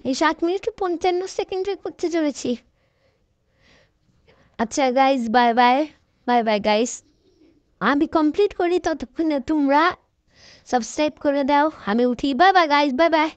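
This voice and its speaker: High-pitched excitable woman gaming. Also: moderate pace, long pauses, dry recording, muffled recording. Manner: chatty, excitable, talks to herself while playing. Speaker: gameplay commentator. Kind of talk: casual let's-play commentary.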